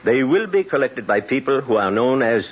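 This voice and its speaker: On a muffled old radio recording, a man acts the part of a smooth, fatherly French casino manager, cautious and apologetic, his tone grave and warning but hesitant. He speaks at a moderate pace in a very animated, mid-range voice.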